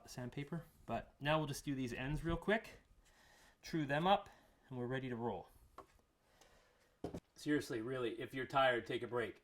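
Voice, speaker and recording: A man giving a casual woodworking tutorial in his workshop, talking easily while he files and sands. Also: mid-range voice. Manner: relaxed, talks while working with tools. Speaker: woodworking instructor. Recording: workshop noise under the voice.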